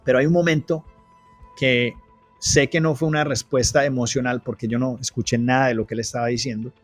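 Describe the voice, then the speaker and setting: Male guest, earnest testimony storytelling, average pitch, soft music under. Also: fairly even intonation, brisk. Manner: earnest storytelling, frequent restarts. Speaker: guest telling his testimony. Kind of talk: personal testimony in an interview.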